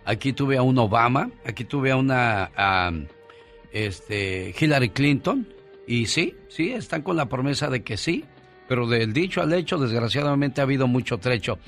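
A man's voice: medium pitch, animated, normal speed, fairly bright tone, soft background music. A man hosting a radio talk show, giving conversational commentary.

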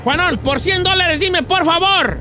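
A man doing a bright-voiced joking old Mexican grandpa host. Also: very high-pitched, a little slow, a faint crowd, heavily acted. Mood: playful. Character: joking elderly male radio host, folksy grandpa. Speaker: radio quiz host. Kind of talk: comedic radio call-in show.

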